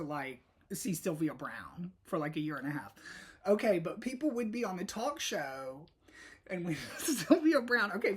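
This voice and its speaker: A woman's voice: on the low side, breathy edge. A woman hosting a casual solo podcast, chatty and rambling, with frequent fillers. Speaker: podcast host.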